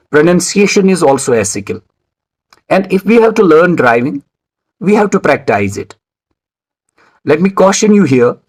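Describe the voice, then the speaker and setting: A male English teacher delivering a scripted video lecture. His voice sits a little higher than most men's, and his delivery is measured, formal and deliberate. He spells words out letter by letter as he explains. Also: rough recording.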